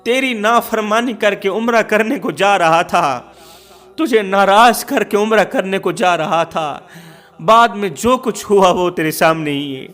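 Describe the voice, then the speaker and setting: Remorseful maimed beggar son, high and mournful, as a preacher plays him. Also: male voice, fairly bright tone. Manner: pleading, mournful.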